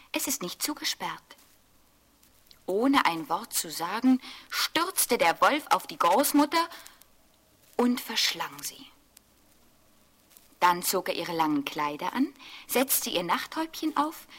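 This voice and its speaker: A woman reading a fairy tale aloud in a gentle, often whispered storytelling manner. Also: lowish voice.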